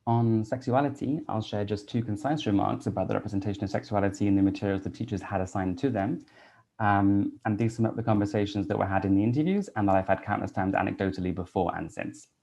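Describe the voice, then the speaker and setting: This conference talk comes from a Welsh man in his thirties who teaches and does research, his voice lowish and gravelly. He reads his prepared remarks at a measured pace, softly filling gaps with "um."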